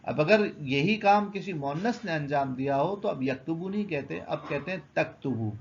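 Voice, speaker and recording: Gravelly man teaching a grammar lesson. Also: on the high side, muffled recording, a little hiss or hum. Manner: explains patiently, asks and answers his own questions.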